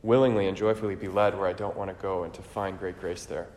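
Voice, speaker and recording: A priest celebrating Mass, reciting the liturgy in a steady, measured way, his voice ringing with a cathedral echo. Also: sits low. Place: large church. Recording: echoey church with long reverb.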